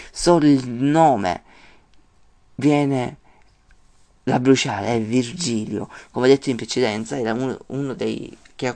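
A man giving an informal lesson, his voice sitting at an ordinary middle pitch. He explains patiently to his listeners, often breaking off a word and starting it again. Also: a little mellow. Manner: explanatory, stops and restarts words often. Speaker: teacher explaining Dante.

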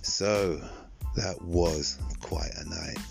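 Extremely deep, creaky older storyteller. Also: male voice, fairly even intonation, music in the background. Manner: reflective, halting, repeats phrases for emphasis. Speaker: podcast host. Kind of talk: personal storytelling monologue.

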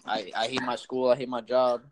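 A man's voice: medium pitch, flat delivery, a little fast, noisy background. A young man in casual chat, making dry, joking asides and reading out funny quotes.

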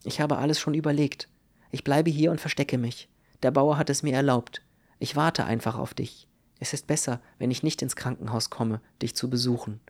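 An earnest, protective young man talks in a calm and reassuring way, as a male reader voices him. His voice sits at an ordinary middle pitch, steady and measured, in an audiobook reading. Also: close to an everyday voice.

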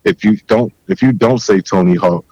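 A man's voice: low-pitched, normal speed, mellow, dry recording, highs cut off. A man from Philadelphia, a guest on a podcast, talking in a laid-back, slangy, emphatic way. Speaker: guest, pro skateboarder. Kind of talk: casual chat.

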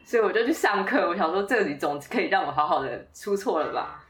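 A woman from Taiwan talks in a casual, chatty way and tells her stories with ease. Her voice sits low, and it sounds a little distant from the microphone. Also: expressive, fast talker. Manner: chatty, storytelling, laughs easily. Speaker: guest, former PhD student. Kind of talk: casual conversation.

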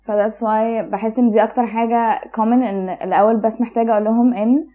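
A woman's voice: fairly high pitch, steady tone, fairly quick, dark tone, lo-fi sound. A woman with an Egyptian Arabic accent, explaining things casually as an expert guest and switching between Arabic and English. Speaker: guest expert, child psychologist.

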